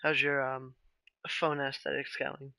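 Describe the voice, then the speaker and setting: Guy rambling on his stream, kinda gravelly, dry close mic. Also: mid-range voice, unhurried, dry recording. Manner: relaxed, rambling, with many fillers and trailing questions. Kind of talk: casual live-stream chat with viewers.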